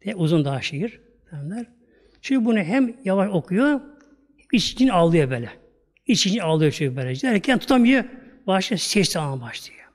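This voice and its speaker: A man's voice: high-pitched, big pitch swings, brisk. A Turkish man, a religious teacher, telling a moral story in a colloquial way and often repeating little filler words.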